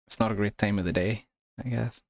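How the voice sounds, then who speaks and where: A man with an Irish accent chatting casually with his viewers while streaming a game, relaxed and laughing often. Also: fairly low pitch, brisk, no room sound, highs cut off. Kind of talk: casual gameplay chat with viewers.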